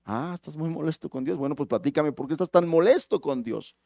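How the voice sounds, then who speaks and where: A preacher playing a calm, probing counselor pastor. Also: male voice, a little high, a little fast, creaky, no room sound, studio quality. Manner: calm, questioning, soft-spoken.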